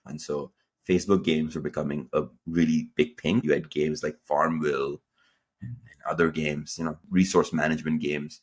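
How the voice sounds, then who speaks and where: Male guest, late 30s, from Pakistan, deep husky voice, animated storyteller. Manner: animated, acts out quoted dialogue with jumps in pitch. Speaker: guest entrepreneur. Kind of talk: conversational interview storytelling.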